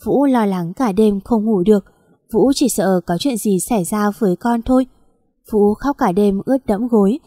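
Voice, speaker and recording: A woman's voice: mid-range voice, moderate pace, dark tone, no room sound, clean studio sound. A woman narrating a sad story in a plaintive, emotional reading.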